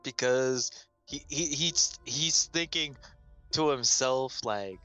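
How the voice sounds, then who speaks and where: Male player, halting delivery, bright and crisp tone. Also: medium pitch, faint music behind. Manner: halting, repeats words. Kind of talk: casual game chat.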